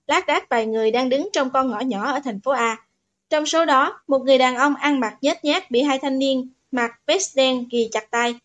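A woman narrating a novel as an audiobook, in steady, even storytelling. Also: high voice.

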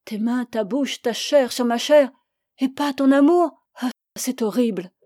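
A woman's voice: fairly high pitch, measured pace, dark tone, no room sound, clean studio sound, pitched above the performer's own voice, lightly acted. A woman reading an audiobook, voicing an anguished young woman who is passionate and reproachful. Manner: impassioned, reproachful.

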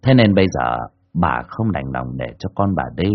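A man narrating a folk tale in an expressive, colloquial way. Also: very deep voice, normal speed, lo-fi sound. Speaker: storyteller. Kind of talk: dramatic audiobook narration.

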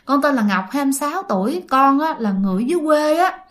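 A woman's voice: high voice, animated, quick pace. A woman voicing a murdered young female ghost who begs for help over and over. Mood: pleading. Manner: tearful, begging, repetitive.

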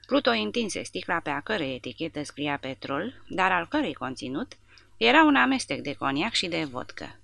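A woman narrating an audiobook in a measured, dramatic reading. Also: low voice, sing-song, vocal fry, fairly bright tone, dry recording. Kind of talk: scripted narration.

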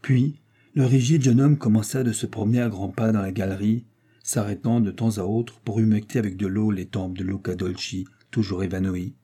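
A man narrating a classic novel in a measured, dramatic storytelling manner. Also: on the low side, steady tone, mellow, husky. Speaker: audiobook narrator. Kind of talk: literary audiobook narration.

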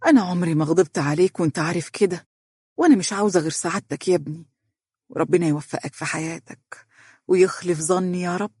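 A woman's voice: lowish voice, fast talker, darkish tone, husky, no room sound, clean studio sound. A man playing a resigned Egyptian mother. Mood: sad. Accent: Egyptian Arabic. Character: sorrowful, resigned older mother.

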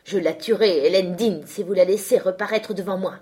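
A woman's voice: mid-range voice, brisk, warm tone, natural voice. A woman reading an audiobook, voicing a domineering middle-aged man who barks harsh threats and commands. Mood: furious.

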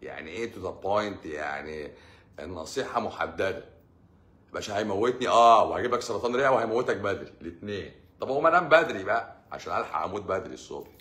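Egyptian doctor guy on a live stream, low voice but bright and forceful, joking around and acting out patients. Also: lively intonation, fast. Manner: sarcastic, joking, acts out patients' lines. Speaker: doctor hosting a live stream answering comments. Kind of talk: casual live Q&A.

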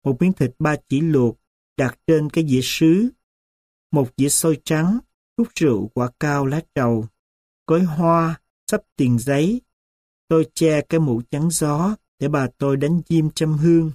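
A man reading a first-person story aloud as an audiobook narrator, in a slow, solemn and reflective way. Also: fairly high pitch, darkish tone, no echo.

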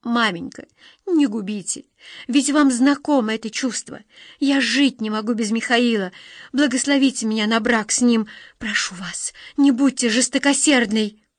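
A woman's voice: a little high, normal speed, no echo, clean studio sound, pitched above the performer's own voice, lightly acted. A woman voicing a desperate young noblewoman who pleads near tears. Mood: pleading.

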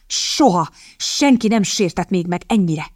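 A woman reading the part of a sneering, smooth-talking English lord who flatters and mocks. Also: sits high, no echo, studio quality. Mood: offended. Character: sneering lecherous English lord, middle-aged.

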